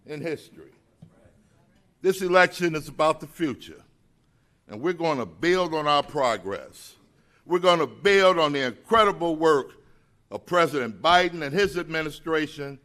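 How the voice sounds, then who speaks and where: A man's voice: on the high side, a bit bright. An American man giving a rousing political podium speech as a labor leader, emphatic, in short repeated phrases. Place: large indoor event room.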